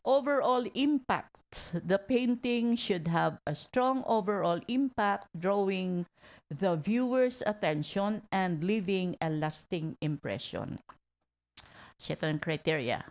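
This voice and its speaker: Slow, gravelly-voiced woman radio host. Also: on the low side. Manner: reads slowly and stumbles over words. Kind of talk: reading community announcements on radio.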